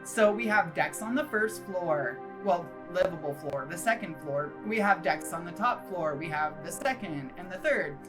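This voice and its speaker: Low-pitched enthusiastic woman vlogger over music. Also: lively intonation, normal speed, few pauses. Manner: enthusiastic, chatty, emphatic. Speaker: video channel host. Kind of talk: casual gaming build voice-over commentary. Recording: music behind the voice.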